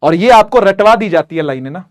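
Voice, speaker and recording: High-voiced energetic young male teacher. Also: fairly quick. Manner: energetic, repetitive, questions students directly. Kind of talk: online lecture.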